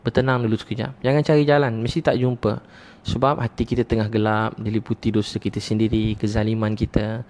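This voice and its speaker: A man's voice: mid-range voice, a little mellow. Man preaching with rhetorical questions. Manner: repetitive, rhetorical questions, frequent "ha" interjections. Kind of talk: sermon.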